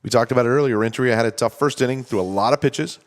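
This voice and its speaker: A man calling a baseball game play-by-play, talking steadily and conversationally and explaining strategy between pitches. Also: rapid-fire. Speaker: play-by-play announcer. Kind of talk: baseball commentary.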